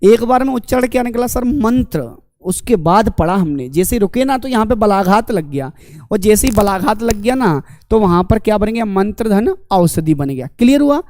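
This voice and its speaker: A man's voice: high voice, animated, normal speed, darkish tone, no echo, clean studio sound. Man teaching a Hindi grammar class. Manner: calls students "my dear companions", asks and answers own questions. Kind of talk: online exam-prep lecture.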